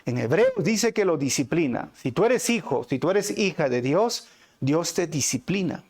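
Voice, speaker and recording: A man with a Peruvian Spanish accent teaching a Bible study as a pastor, addressing his listeners as brothers and asking them rhetorical questions, with dramatic swings in pitch and loudness for emphasis. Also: lively intonation, normal speed. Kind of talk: inductive Bible study sermon.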